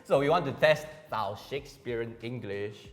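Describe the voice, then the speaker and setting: A man with a Singaporean accent hosting a casual, jokey chat in a playful, animated manner. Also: medium pitch, normal speed. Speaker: host. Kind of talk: casual, jokey interview chat with Singlish particles. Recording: echoey hall-like reverb, music behind.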